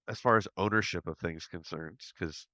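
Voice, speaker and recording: A male podcast host asking questions in a casual, halting way and restarting his sentences. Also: sits low, sing-song, gravelly, sharp tone, dry recording, studio quality. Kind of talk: casual interview chat.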